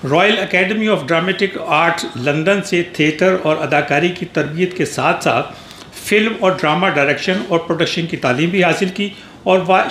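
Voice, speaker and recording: A man's voice: on the high side, a bit bright. Man giving a formal tribute in an echoey hall. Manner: measured, formal reading with small restarts. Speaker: speaker at a memorial gathering. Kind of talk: formal prepared tribute speech. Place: reception hall at an embassy. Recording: echoey hall with faint background noise.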